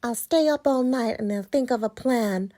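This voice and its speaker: A woman voicing a cheerful, friendly boy pumpkin in a children's storybook, with a bright and eager manner. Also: fairly high pitch, moderate pace, voice pushed up, close to an everyday voice. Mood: worried.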